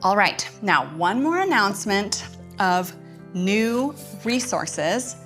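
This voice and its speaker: Hosting a livestream about curriculum updates, a woman makes casual announcements in a chatty, enthusiastic way, frequently chuckling. She speaks slowly in a sing-song manner with a medium pitch and fairly bright tone, over soft background music.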